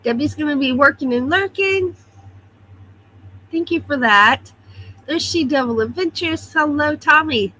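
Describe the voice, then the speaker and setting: On a casual morning livestream from her home computer, a woman greets viewers one at a time and reads their comments, sounding a little stuffy. Her high-pitched voice is sharp in tone, measured in pace, and broken by frequent pauses. The recording is rough, with a slight hiss or hum.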